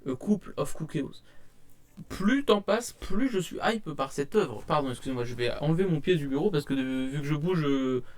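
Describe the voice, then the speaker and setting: A man's voice: fairly high pitch, animated, normal speed. A young man casually rambling through his manga purchases at his desk, hesitant with many fillers and restarts. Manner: self-described shy. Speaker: manga collector showing purchases. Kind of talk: casual haul vlog to camera. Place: at home at a desk. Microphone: desk webcam.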